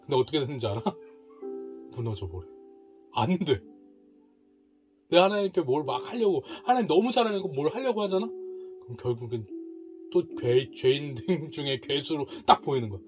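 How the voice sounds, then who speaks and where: A man's voice: fairly high pitch, moderate pace, long pauses. A man casually talking through a Bible passage at a home worship, animating his points by acting out prayers. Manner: animated, acts out prayers with rising intensity. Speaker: family worship participant. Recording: music playing underneath.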